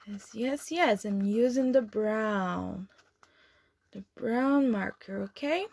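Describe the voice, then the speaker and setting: A woman teaching children online, reading a storybook aloud and then guiding a craft activity in a slow, clear, expressive way. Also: mid-range voice. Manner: slow, clear, expressive delivery for young learners.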